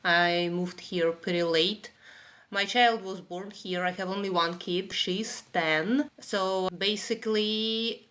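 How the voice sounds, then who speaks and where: A Russian woman with a Russian accent chats as a guest on a podcast, using non-native English phrasing in a casual conversational interview. Her voice is medium in pitch and a bit bright.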